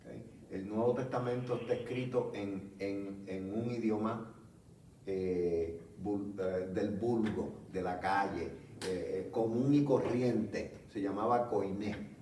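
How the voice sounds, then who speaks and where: A man preaching a teaching sermon, explaining slowly and checking in with his listeners. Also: lowish voice, warm tone. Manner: slow, explanatory, frequent "¿ok?" check-ins. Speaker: pastor. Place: church hall. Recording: echoey room from a distance, faint background noise.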